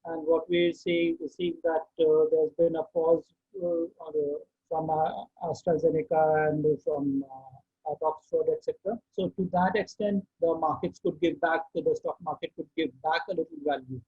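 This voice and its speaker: Male webinar host, Indian accent, raspy, halting question-and-answer delivery, dry narrow phone-like audio. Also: fairly high pitch, steady tone. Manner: halting, deliberate, repeats words. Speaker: host of an online market outlook session. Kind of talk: unscripted question-and-answer commentary. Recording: tinny phone-like online call.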